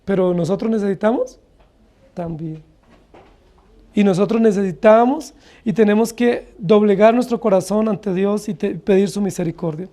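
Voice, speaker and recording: A man's voice: high-pitched, normal speed, warm tone. A man with a Colombian accent preaching an expository sermon as a pastor, earnestly asking the congregation one rhetorical question after another. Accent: Colombian Spanish.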